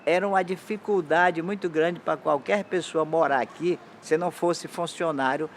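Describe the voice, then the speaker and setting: A Brazilian man with a somewhat high voice, fairly even intonation and a moderate pace, with a bit of hiss or hum on the recording. As a local resident, he casually walks through old photographs of his hometown, pointing things out and repeatedly saying "aqui" and "olha" ("here" and "look").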